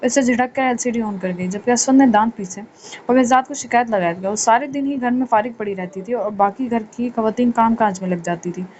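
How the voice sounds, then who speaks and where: A woman narrating an audio romance novel in a steady storytelling manner. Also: on the high side, fairly quick, slight background noise. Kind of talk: scripted narration.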